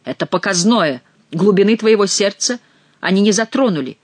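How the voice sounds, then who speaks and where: A woman reading an audiobook voices a hoarse, wheezing, disembodied voice posing as God. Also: medium pitch, animated, normal speed, no room sound, natural voice. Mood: stern. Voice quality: hoarse, whistling.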